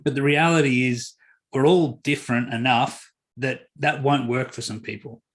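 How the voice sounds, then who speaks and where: A middle-aged man speaks as a guest on a podcast interview. His tone is earnest and he pauses often with fillers while telling stories, at a medium pitch. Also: steady tone. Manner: earnest, storytelling, many fillers.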